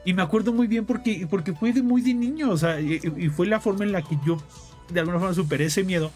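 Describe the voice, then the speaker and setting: Young Mexican man, slangy storyteller, quick delivery, slightly high voice, faint music bed. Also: a little mellow. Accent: Mexican Spanish. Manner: slangy, storytelling, peppers speech with "güey". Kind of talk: casual chat.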